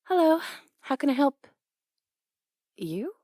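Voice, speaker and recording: A young woman voicing a brash, teasing tomboy boxing coach in an audio role-play, blunt and quick to laugh. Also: high-pitched, very animated, dark tone, no room sound, clean studio sound, full character voice.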